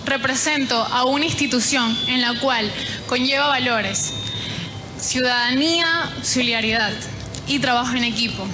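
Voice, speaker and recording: A woman's voice: fairly high pitch, fairly even intonation, normal speed, over music. A nineteen-year-old woman, giving a recited pageant candidate speech with some hesitation. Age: late teens. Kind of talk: prepared speech. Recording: noisy recording with background ambience.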